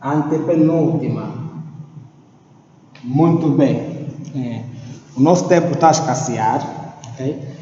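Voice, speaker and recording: A man's voice: mid-range voice, slow pace, pauses often, mellow. Echoey distant male teacher. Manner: repeats key terms, checks in with "ok?". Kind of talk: classroom grammar lesson. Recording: roomy echo, distant, dull lo-fi, faint noise.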